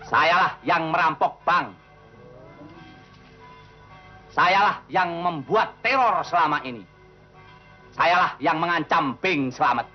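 An actor playing a boastful, menacing cowboy outlaw boss in a grandiose, declamatory way, in a 1970s comedy Western film. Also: male voice, a little high, measured pace, lightly acted. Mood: boastful, commanding. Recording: dull old film soundtrack with music.

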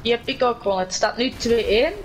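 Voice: medium pitch, quick pace, slight background noise, low-quality recording. A gamer chatting casually and playfully during a match against a friend, mixing in English slang. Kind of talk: casual gameplay chat.

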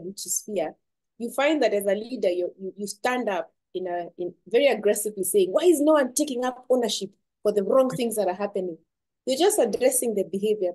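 A woman hosts an online webinar, her voice warm and mellow. She speaks steadily but leans on ums and repeats her words as she goes. The sound comes through a computer mic on a video call. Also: mid-range voice, rough recording. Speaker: webinar host.

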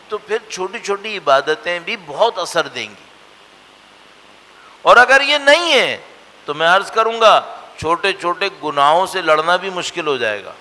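An earnest man delivering a religious lecture. His voice sits fairly high and bright, and it rings with a long reverb in a lecture hall. He pushes with rhetorical questions and then drops to hushed, soft lines.

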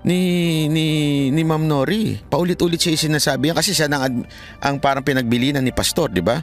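A man's voice: a little high, brisk, soft background music. A man giving heated commentary in his vlog, preaching and pleading with his listeners and quoting scripture in English.

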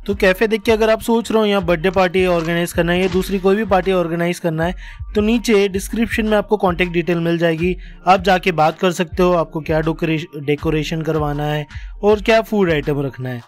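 A man's voice: sits high, fairly even intonation, faint music behind. A young man with an Indori Hindi accent narrating a casual food vlog in a chatty, enthusiastic way. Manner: chatty, enthusiastic, listing items quickly. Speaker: food vlogger.

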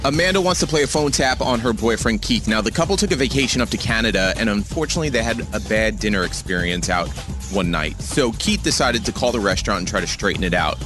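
A man's voice: fairly low pitch, expressive, fast talker, music in the background. A man narrating the setup of a prank as a radio show regular.

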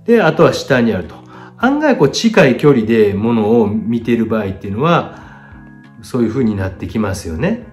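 A man's voice: normal speed, soft background music. Chatty middle-aged Kansai man critiquing art. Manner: chatty, lively swings in pitch and loudness, self-deprecating asides. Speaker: painter critiquing viewers' artworks.

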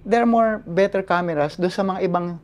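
A male photojournalist giving an animated personal account in an interview, switching between languages and often adding "no?" tags. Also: sits high, moderate pace, background noise. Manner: animated retelling, code-switching, frequent "no?" tags.

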